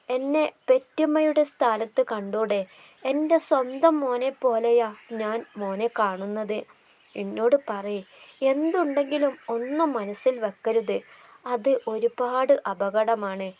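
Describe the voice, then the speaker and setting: A woman voicing a gentle, caring older stepmother who coaxes and comforts her stepson. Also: fairly high pitch, natural voice. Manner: tender, coaxing.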